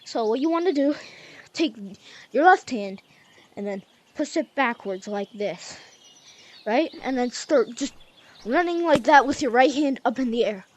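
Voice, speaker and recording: High-voiced chatty young gaming tutor. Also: female voice, a little hiss or hum. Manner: chatty, loose, says y'all and like. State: a bit out of breath. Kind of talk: casual game tutorial.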